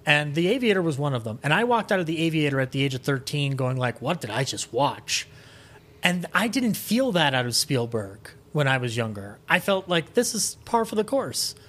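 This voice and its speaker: Very animated and fairly bright, this man's voice sits fairly high and moves at a moderate pace. He's a podcast guest giving his opinions on music and film in a casual chat, enthusiastic and emphatic, frequently breaking off to restart a thought.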